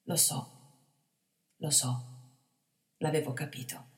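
A woman voicing a bold, stubborn bandit chief who mocks his young companion with calm defiance. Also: sits low, brisk, close to an everyday voice. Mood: gentle. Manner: gruff, mocking, calmly defiant. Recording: reverberant hall.

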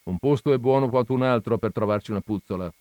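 A man reading a story aloud, voicing a calm farmer and father with a dry, unhurried way of speaking. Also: medium pitch, dry recording, dull audio, lightly acted.

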